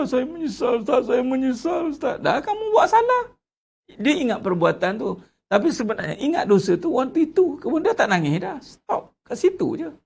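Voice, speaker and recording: A man preaching a sermon as a religious teacher, animated and full of rhetorical questions to his congregation. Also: high-pitched, creaky.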